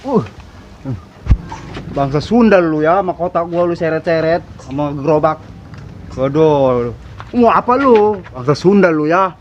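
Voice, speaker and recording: A man's voice: on the high side, animated, measured pace, pauses often, dull audio. Sassy drag queen for comedy skit, male actor, Jakarta Betawi accent, whiny and quarrelsome, noisy location sound. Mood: angry, scolding.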